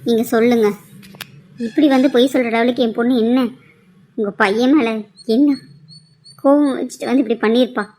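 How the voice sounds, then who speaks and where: A fiercely protective cartoon mother, voiced by a woman, high and sharp-tongued. She accuses and demands answers, her voice forceful and unrelenting. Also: fairly even intonation, fairly quick, pauses often, a little hiss or hum, close to an everyday voice. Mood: angry. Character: middle-aged mother, fiercely defending her daughter.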